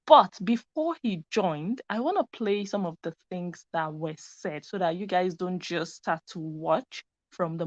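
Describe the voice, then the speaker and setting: A woman with a lowish voice hosts a live stream, commenting chattily and speaking directly to her viewers. She uses a computer mic, and the sound is dry, dull, and lo-fi with no echo.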